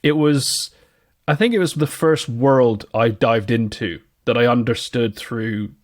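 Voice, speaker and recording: Reminiscing fondly, a podcast co-host from Britain talks with enthusiasm in a British English accent, frequently starting his thoughts over. He has a medium-pitched voice and a slightly slow pace. The sound is clean studio audio without any room tone.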